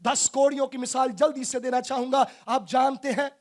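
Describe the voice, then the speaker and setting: A man preaching a sermon as a guest pastor, with a Pakistani Urdu accent, fervent, moving between loud calls and hushed asides. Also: very high-pitched, flat delivery, normal speed. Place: church main hall.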